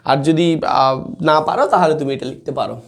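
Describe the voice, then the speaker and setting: A man's voice: fairly high pitch, normal speed, gravelly. A young man teaching a live online exam-prep class in an informal, chatty way, reading out student comments and checking in with the students often.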